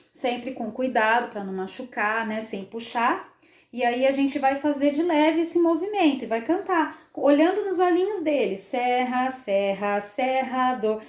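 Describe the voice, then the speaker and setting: A woman's voice: sits high, a little mellow. A woman with a Brazilian Portuguese accent, a child development specialist giving an instructional demonstration. She explains each step and keeps checking in with frequent tag questions. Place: indoor room, playing with a baby. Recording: roomy echo.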